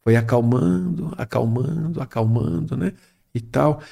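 A man's voice: mid-range voice, measured pace, vocal fry, mellow. A middle-aged man telling a personal story in a rambling, casual way, often tagging his sentences with a questioning "right?". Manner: rambling, tags phrases with "né?".

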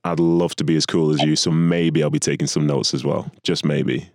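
A man's voice: extremely low pitch, level tone, normal speed, creaky, darkish tone, no echo, studio quality. A man hosting a podcast, upbeat and chatty, teasing his guest in a friendly way. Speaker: podcast host. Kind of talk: podcast interview.

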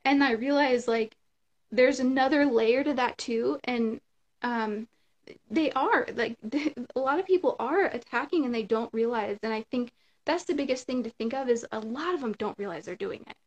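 A woman's voice: a little high, normal speed, highs cut off. A woman guest talking casually and rambling with many fillers, over a video call. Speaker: interview guest. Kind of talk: casual spiritual chat.

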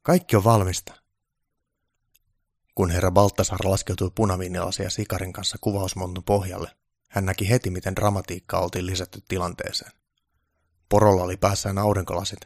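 A man reading a story aloud in calm, scripted narration. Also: low-pitched, vocal fry, no echo, clean studio sound.

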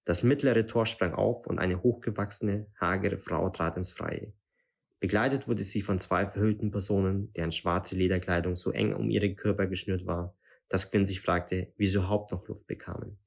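A man reading a fantasy novel aloud in a measured, suspenseful way. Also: sits low, steady tone, vocal fry. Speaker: audiobook reader.

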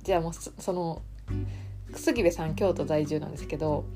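A woman with a Kansai accent hosting a casual solo podcast as a coach, talking in a relaxed, chatty way with soft fillers. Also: low-pitched, fairly quick, over music.

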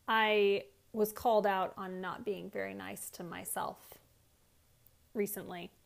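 A woman's voice: mid-range voice, flat delivery, a little slow, vocal fry. A woman hosting a solo podcast, speaking candidly and wryly as she reflects aloud, recorded in her home closet. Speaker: podcast host. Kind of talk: casual solo podcast monologue.

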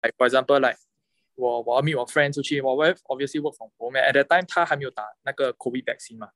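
A Singaporean man talks casually in Singlish, sliding between English and Mandarin with local particles. His pitch is mid-range and his phrasing halting. The sound is very dry. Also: fairly bright tone, dry recording. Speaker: podcast guest. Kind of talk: casual chat.

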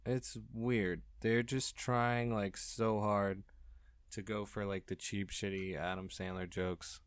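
A man's voice: on the low side, little pitch movement, slow, clear, resonant tone, no echo, clean studio sound. A young man co-hosting a podcast, chatting casually in a laid-back way with plenty of ums and likes. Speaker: podcast co-host. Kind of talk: casual movie review chat.

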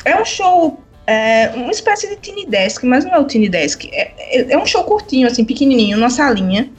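A woman's voice: high voice, very animated, fairly quick. A woman co-hosting a podcast, chatting casually and enthusiastically about music over a call. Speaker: podcast co-host. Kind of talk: casual chat.

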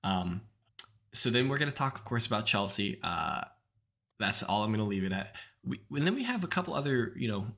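A man's voice: fairly low pitch, very animated, a little fast, creaky, a bit bright. An American man hosting a casual podcast chat, upbeat and leaning on fillers like "like" and "um". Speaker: podcast host.

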